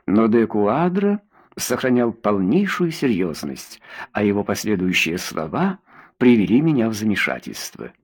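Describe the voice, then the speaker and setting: A man's voice: fairly low pitch, very animated, measured pace, slightly rough. A man narrating an audiobook in the first person, reading expressively.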